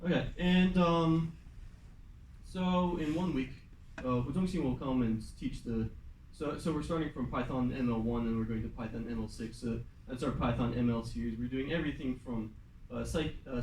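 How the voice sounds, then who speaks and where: A man's voice: medium pitch, fairly even intonation, normal speed, darkish tone, slight background noise. A young man, a student club president, casually presenting the semester plan to a class, with lots of fillers and some switches into Mandarin. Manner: loose and chatty, many fillers, switches into Mandarin at times. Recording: echoey classroom from far off.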